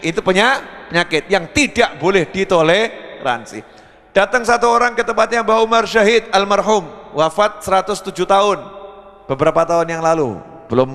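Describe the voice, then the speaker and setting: A man's voice: a little high, a bit bright. A male preacher giving a humorous sermon, acting out characters and asking his audience questions. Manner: acts out characters, jokes, asks the audience questions. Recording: long reverb of a hall.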